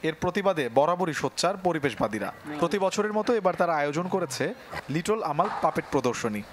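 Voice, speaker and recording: A man's voice: fairly high pitch, animated, fast. A man with a Bangladeshi accent narrating a scripted television news report as its reporter. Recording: crowd noise behind the voice.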